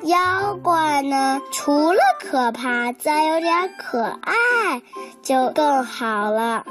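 A sensible little girl speaks gently and coaxingly, high and unhurried, as a woman voices her. She sounds caring toward her friend. Children's music plays behind the storybook reading. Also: expressive, exaggerated voice.

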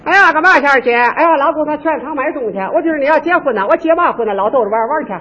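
A man's voice: high voice, expressive, fairly quick, voice pushed down. A man voicing chatty young unmarried women who tease and scold each other, on a dull lo-fi stage recording. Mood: brisk teasing. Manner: coy bickering girlish chatter.

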